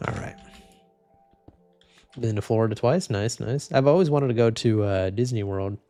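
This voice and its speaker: A young man plays a game on stream and reads his chat at a normal speed. He sounds slightly stuffed up and speaks flatly with little energy, calling his own voice boring, over quiet game music and the sound of typing.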